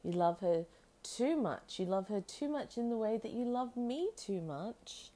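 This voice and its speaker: A woman podcast host chatting casually and intimately to her pet bird, doting and rambling, with soft tag questions. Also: fairly high pitch, expressive, unhurried.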